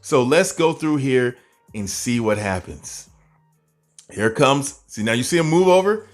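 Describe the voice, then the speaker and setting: A man with a mid-range voice walks viewers through fight footage in an animated manner. He peppers his breakdown with rhetorical questions and chuckling asides. Faint music plays underneath. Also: mid-range voice, measured pace. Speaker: boxing commentator. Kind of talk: video breakdown commentary.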